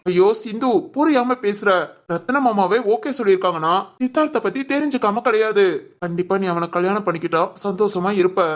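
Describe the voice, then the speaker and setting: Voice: mid-range voice, expressive, a little fast, lightly acted. A performer voicing a caring young man in a cartoon, a protective older brother who reassures and advises his sister. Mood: persuading. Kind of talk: cartoon voice acting.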